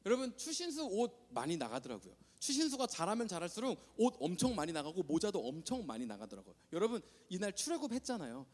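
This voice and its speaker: A man preaching a sermon as a pastor, telling Bible stories with lively, acted-out voices for the characters. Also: high-pitched, fast talker, few pauses. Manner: animated storytelling, acting out Bible characters. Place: church sanctuary. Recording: long hall reverb.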